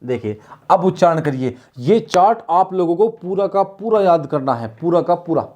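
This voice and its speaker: Guy teaching a class, fairly high voice, keeps quizzing students and repeating stuff. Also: lively intonation, moderate pace, darkish tone, highs cut off. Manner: repetitive, questioning, drills students on sounds aloud. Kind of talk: online exam-prep lesson.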